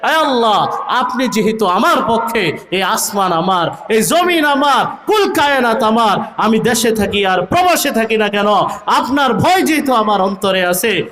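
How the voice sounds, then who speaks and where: A man preaching a sermon, calling out loud peaks and singing some phrases in a rhythmic delivery. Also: sits high, roomy sound, noisy background. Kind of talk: Bengali waz sermon.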